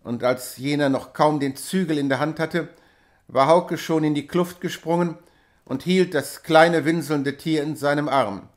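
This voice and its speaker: Man reading a classic story aloud. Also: fairly high pitch. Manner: measured, dramatic storytelling. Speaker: audiobook reader. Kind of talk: literary reading.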